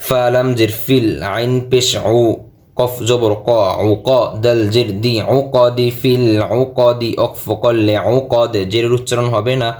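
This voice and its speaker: A man's voice: medium pitch, little pitch movement, unhurried. A man teaching Quran recitation word by word, patiently spelling out letters and vowel marks, then chanting each verse.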